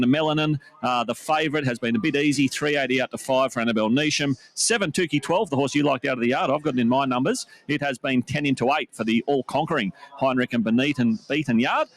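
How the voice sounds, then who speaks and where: A man's voice: on the high side, fairly bright tone. A man hosting a horse racing broadcast, talking through form and his tips. He keeps it chatty and light, with a storyteller's jokey touch. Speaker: racing presenter.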